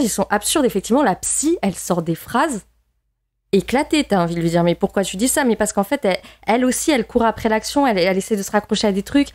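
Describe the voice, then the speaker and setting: A woman's voice: mid-range voice, a little mellow, dry recording, clean studio sound. A woman in a casual film discussion, analytical and opinionated, often repeating words as she works out her point.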